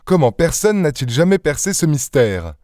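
A nervous gentleman, full of questions and quick astonishment, as a male reader voices him. His voice is pitched above an everyday tone, and the sound is smooth and clean. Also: sing-song, no echo, studio quality. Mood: amazed. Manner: nervous, easily amazed, questioning. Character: anxious, astonished gentleman, middle-aged man. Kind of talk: audiobook character voice.

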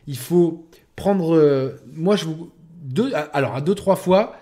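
A man's voice: on the high side, takes it slowly, warm tone. A man reviewing a video game in a casual, rambling way, often restarting his sentences. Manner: rambling, many restarts and fillers.

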